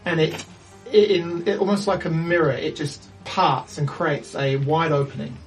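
A man with a New Zealand accent who narrates as game master in a quick, rambling way with many restarts. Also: a little high, recorded from a distance, over music.

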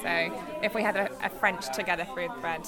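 A woman's voice: on the low side, steady tone, brisk, over a noisy crowd. A woman chatting casually as a workshop participant, friendly and talkative. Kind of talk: casual chat.

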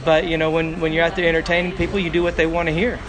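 A man from Arkansas with a hillbilly Southern US accent, a country entertainer chatting casually in an interview, halting and repeating his words, recorded on location at a noisy bar. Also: on the high side, completely flat delivery, crowd noise. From Arkansas, United States. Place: bar, on location with street noise. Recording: noisy outdoor bar, traffic behind.

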